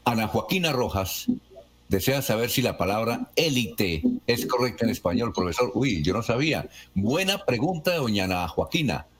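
A man's voice: medium pitch, big pitch swings, normal speed, husky. A man, a radio host who reads out listeners' questions and announces the time. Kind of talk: reading listener questions on air.

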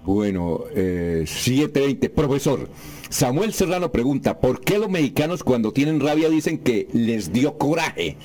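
A man hosting a morning radio show, giving the time and briskly reading listener questions to a guest. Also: mid-range voice, big pitch swings, a little mellow. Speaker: radio host. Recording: radio broadcast.

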